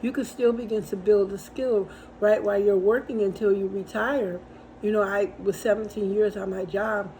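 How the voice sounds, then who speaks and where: Warm-voiced middle-aged woman giving encouragement. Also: medium pitch, fairly even intonation, moderate pace, slight background noise, rough recording. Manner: conversational and repetitive, with storytelling asides. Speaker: host and encourager. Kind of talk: casual faith-based encouragement talk.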